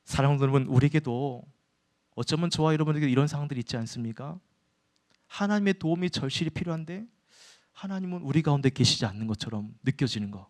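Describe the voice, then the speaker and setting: A man's voice: fairly high pitch, animated, fast talker. A man preaching a sermon in a church, often turning to his listeners with questions and answering them himself. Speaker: pastor.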